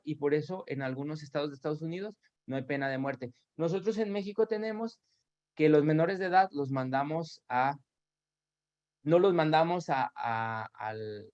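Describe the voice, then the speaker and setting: Over a videoconference, a man from Aguascalientes, Mexico, lectures academically in a Mexican accent, explaining at length with tag questions and self-corrections. His voice is on the high side with a darkish tone. The video call sound is dull and lo-fi.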